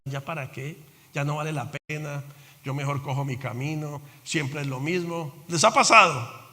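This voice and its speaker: Animated pastor in a reverberant hall. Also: male voice, on the high side. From Colombia. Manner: animated, swings between loud exclamations and quiet asides. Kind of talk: sermon. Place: church sanctuary. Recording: long church hall reverb.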